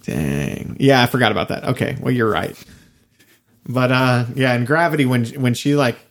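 Young man, gravelly voice, podcast co-host, casual rambling chat, swears a lot. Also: medium pitch, normal speed. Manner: rambling, profane, many fillers.

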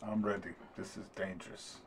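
A man's voice: sits low, flat delivery, a little fast, vocal fry, heavy background noise. A man playing a tabletop game, talking casually and laughing easily. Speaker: player.

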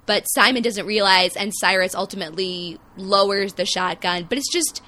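A woman's voice: medium pitch, moderate pace, sharp tone. A woman co-hosting a podcast, chatting casually and animatedly about a TV show, with frequent "um" and "like". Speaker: podcast co-host. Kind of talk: casual chat.

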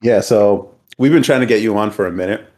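A man's voice: lowish voice, fairly quick, a little mellow. A young American man hosting a casual group podcast, bantering in a slangy, swearing frat-bro way. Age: young adult. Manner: bro-heavy frat-boy slangy talk, swearing freely. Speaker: podcast host.

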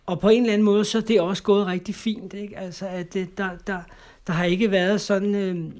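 A middle-aged man from Denmark speaks high-pitched and a little mellow, keeping a level tone. As an interview guest telling his personal story, he halts, repeats words, and ends lines with tag questions.

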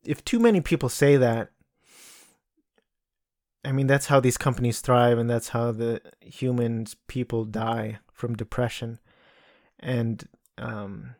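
A man speaks slowly and unhurriedly in a casual solo podcast, his sentences rambling and restarting with lots of filler. His voice sits at an ordinary middle pitch. The sound is dry and close, from a room at home. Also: fairly even intonation, darkish tone, dry recording. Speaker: podcast host. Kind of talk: casual solo movie talk.

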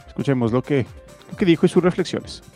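A man's voice: medium pitch, expressive, fast talker, dark tone. Male sports presenter, mid-range voice, scripted read over faint music. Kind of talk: scripted radio narration.

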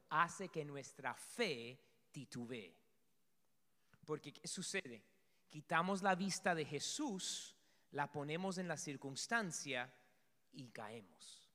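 Animated high-voiced man preaching in a reverberant hall. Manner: animated, acts out story scenes and shouts. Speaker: pastor. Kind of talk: sermon.

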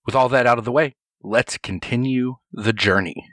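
Male actual-play podcast host, crisp bright tone, conversational and articulate, recorded very dry. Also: mid-range voice, normal speed, no room sound.

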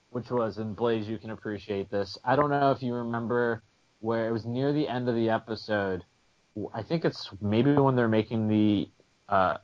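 Rambling man on a muffled line. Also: mid-range voice. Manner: rambling, with many restarts. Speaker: podcast co-host. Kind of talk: casual chat. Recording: muffled lo-fi audio.

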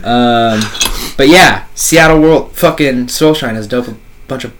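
A very high man chatting casually in a slangy, sweary stoner manner. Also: measured pace, a bit bright. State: very high on cannabis. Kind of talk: casual chat.

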